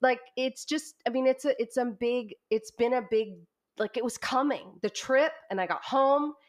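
A woman's voice: on the high side, normal speed. Stuffy, pinched-nose woman chatting. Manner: effusive, informal, repeats and rephrases herself. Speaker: podcast host. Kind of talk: casual personal storytelling chat.

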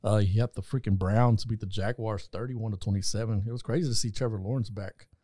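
A man co-hosting a sports podcast, chatting casually, laughing often and trailing off quietly. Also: lowish voice, steady tone, a little fast, dry recording. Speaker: podcast co-host. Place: studio room on camera.

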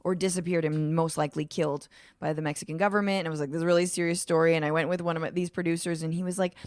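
A woman in her late thirties tells a story in a casual podcast chat, and she acts out every quote. Her voice sits a little low for a woman, and the sound is dry and close. She talks with lots of fillers. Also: flat delivery, racing, darkish tone, dry recording. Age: 30s. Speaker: comedian guest.

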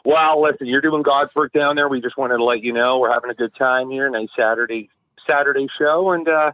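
A man's voice: medium pitch, a little fast, no room sound. Man calling in over a tinny phone line. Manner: joking, admiring. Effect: heard over the phone. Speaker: caller. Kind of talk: casual call-in chat.

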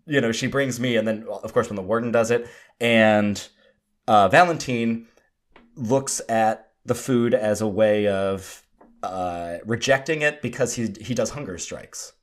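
A man's voice: lowish voice, unhurried. A man co-hosting a film podcast, breaking down a movie in casual, analytical talk and passing the floor to his co-host. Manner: analytical, hands off to co-host by name.

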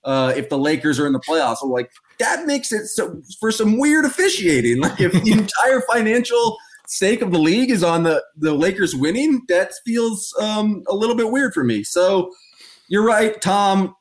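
A man's voice: sits high, animated, moderate pace. A man hosting a casual sports podcast, rambling and opinionated with a joking edge. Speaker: podcast host.

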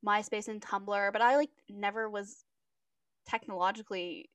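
A woman's voice: mid-range voice, fairly even intonation, normal speed, fairly bright tone, dry recording. A twenty-year-old woman co-hosting a podcast in casual chat, rambling and giggly with lots of filler words. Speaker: podcast co-host.

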